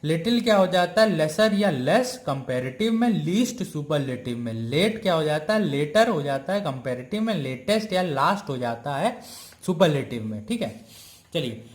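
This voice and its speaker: A man teaching English grammar in a lecture, explaining slowly and repeating points, checking in with the class often. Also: a little high, big pitch swings, roomy sound. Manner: slow, repetitive explaining with frequent "theek hai?" checks; reads English rules out very slowly, word by word.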